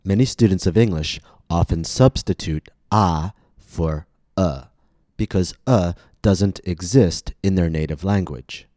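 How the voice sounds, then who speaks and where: American male language instructor, low mellow voice, careful deliberate enunciation, scripted lesson read. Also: dry recording, clean studio sound. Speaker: pronunciation teacher and podcast host.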